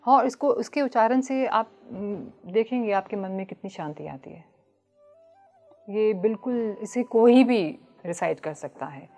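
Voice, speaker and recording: A woman, a Buddhist nun, speaking in a calm, measured way as a podcast guest, slipping English phrases into her talk. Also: medium pitch, faint music behind.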